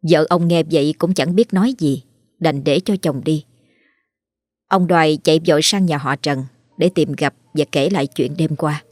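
A woman narrating a ghost story in a measured, suspenseful way. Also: low-pitched, a little mellow, dry recording, studio quality. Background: faint music.

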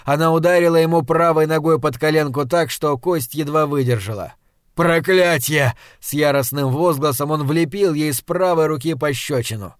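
A man's voice: a little high, brisk, few pauses, no echo. Male audiobook narrator, dry close sound. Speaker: audiobook reader. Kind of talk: scripted narration.

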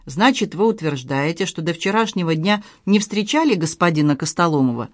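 A man's voice: fairly high pitch, animated, fairly quick, dry recording, natural voice. A narrator puts on a stern, suspicious police major in an audiobook, curt and official. He questions with cool distrust. The sound is dry and close.

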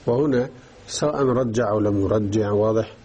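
A man gives a religious lesson, stopping often to ask whether his listeners are following. His voice is husky and warm, with a mellow tone. He teaches patiently and explains step by step. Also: on the low side, fairly quick. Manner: explanatory, checks understanding with repeated questions. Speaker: teacher of Islamic jurisprudence.

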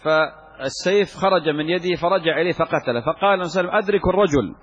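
A sheikh with a slightly high, husky voice races through a lecture on an Islamic legal text. He poses questions and answers them himself, repeating key phrases for emphasis, and the recording is muffled and lo-fi in a reverberant hall.

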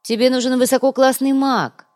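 A woman's voice: high voice, fairly even intonation, normal speed, darkish tone, pitched above the performer's own voice, natural voice. A woman voicing a confident young male mercenary who speaks bluntly for an audiobook.

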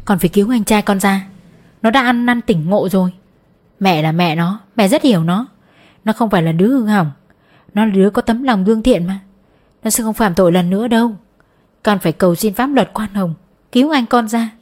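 A woman's voice: fairly quick, darkish tone, natural voice. A woman reading an audiobook, voicing a distraught middle-aged mother who pleads for her son through tears. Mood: pleading. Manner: sobbing, pleading, raised pitch. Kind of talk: audiobook character voice.

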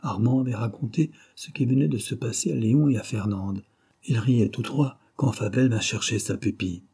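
A man's voice: medium pitch, normal speed, breathy edge. A man reading a novel aloud as an audiobook narrator, raising his voice for the dialogue. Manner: reads the dialogue with raised, lively voices. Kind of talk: scripted narration.

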